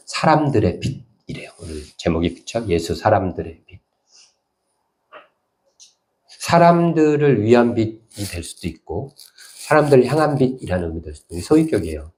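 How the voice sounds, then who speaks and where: A male pastor giving a conversational sermon, telling stories and now and then acting out voices in sudden high bursts. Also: darkish tone.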